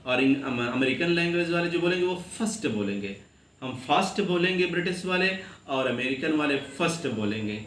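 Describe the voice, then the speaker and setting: A man's voice: on the high side, animated, brisk. Male lecturer with an Uttar Pradesh Hindi accent, patient classroom delivery, spells words aloud, echoey room with faint hum. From India. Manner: addresses students warmly as children. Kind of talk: classroom grammar lesson.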